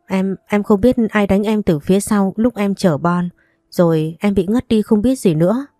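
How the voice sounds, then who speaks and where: A woman's voice: medium pitch, moderate pace, warm tone, no room sound, studio quality, soft background music, natural voice. A woman reading the lines of a frightened, guilt-ridden young woman in a storybook reading, anxious and apologetic.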